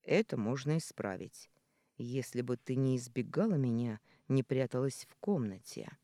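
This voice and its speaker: An audiobook reader voicing Jella, a male non-human Yass who speaks slowly and firmly with a quiet threat, in a dry, mellow recording. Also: mid-range voice, lively intonation, dry recording, natural voice. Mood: coaxing. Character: male Yass, a non-human being, stern then gentle.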